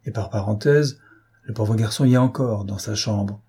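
A man's voice: fairly low pitch, moderate pace, warm tone, slightly rough. A man voicing a talkative female governess who recounts events in a chatty, fretful way.

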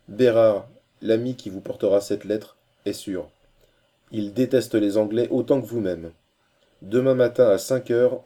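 A man reading a novel aloud as audiobook narrator, in a measured, steady storytelling way. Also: lowish voice.

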